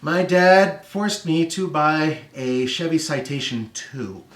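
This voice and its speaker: A middle-aged man from California hosting a car show, telling casual stories with lively anecdotes and dry asides while seated on a living room floor. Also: a little high, slow pace. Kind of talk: casual storytelling chat. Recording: roomy echo, distant mic.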